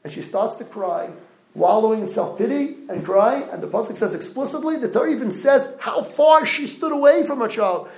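A man delivers a Torah lecture in a high voice with a gravelly edge. He keeps throwing rhetorical questions at his listeners. The sound is roomy and echoey. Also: moderate pace. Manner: animated, rhetorical questions to the audience. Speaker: rabbi lecturer.

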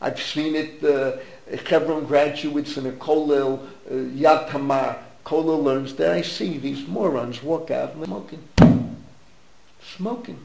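A man's voice: fairly high pitch, measured pace, vocal fry, darkish tone, low-quality recording. An older man with an American accent teaching an informal Torah class, emphatic and opinionated, repeating phrases for emphasis and dropping in Hebrew terms. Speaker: rabbi giving a Torah class.

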